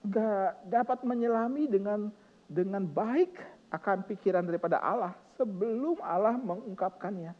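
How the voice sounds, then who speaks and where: A middle-aged man preaching a sermon as pastor, emphatic and passionate, moving between loud exclamations and soft, tender lines. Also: high-pitched, moderate pace, big-room sound, lo-fi sound.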